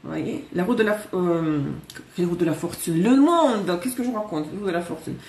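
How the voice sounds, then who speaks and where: Femme à l'accent russe, lecture de tarot en direct. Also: female voice, fairly low pitch, expressive, moderate pace, a little mellow, echoey room, recorded from a distance. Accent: Russian. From Russia. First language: Russian. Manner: chatty, self-correcting, joking asides. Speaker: tarot reader. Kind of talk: live tarot reading.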